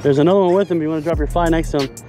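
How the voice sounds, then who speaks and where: Fly fishing by a lake, a man in his thirties narrates a casual vlog on an action camera, talking very fast in a rather high voice and getting excited whenever fish appear. Faint music plays in the background.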